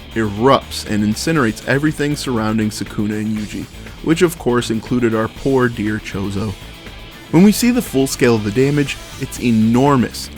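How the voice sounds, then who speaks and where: A man hosting a scripted video review as commentary, speaking in an enthusiastic, slangy fan manner. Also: mid-range voice. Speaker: YouTube reviewer, host.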